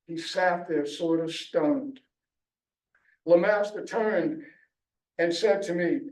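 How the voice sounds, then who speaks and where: Male author, wry storyteller at a library reading, mellow and unhurried, distant roomy sound. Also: high voice. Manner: storytelling, wry, chuckles often. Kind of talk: reading his own memoir aloud at a book launch. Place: library event room. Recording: echoey room, distant mic.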